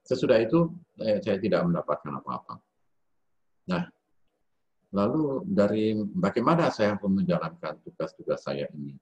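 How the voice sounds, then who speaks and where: Deep husky priest guy thinking out loud, lots of eh and restarts, muffled lo-fi call audio. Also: very animated. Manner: halting, with many fillers and self-corrections. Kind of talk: reflective spoken lecture. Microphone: video call.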